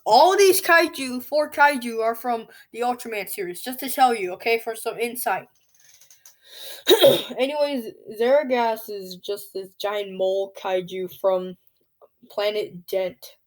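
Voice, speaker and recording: A woman casually commenting on a monster battle video, rambling and tripping over names as she corrects herself. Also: medium pitch. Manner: off-the-cuff asides and self-corrections. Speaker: channel host.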